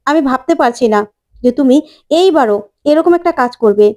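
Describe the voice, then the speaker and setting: Angry young husband, played by a woman narrator, indignant, soft-toned. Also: high voice, lively intonation, normal speed. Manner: forceful, indignant. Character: angry young husband confronting his wife.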